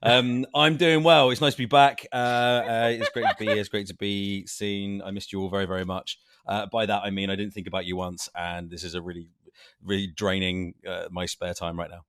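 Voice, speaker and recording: A man's voice: on the low side, little pitch movement, fairly quick, fairly bright tone, no room sound. A man co-hosting a casual podcast chat, with dry, sarcastic humour. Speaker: podcast co-host.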